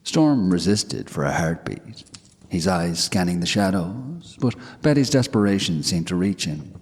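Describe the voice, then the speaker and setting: A man narrating a scripted ghost story in a measured, hushed way. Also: low voice, animated, husky. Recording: long hall reverb.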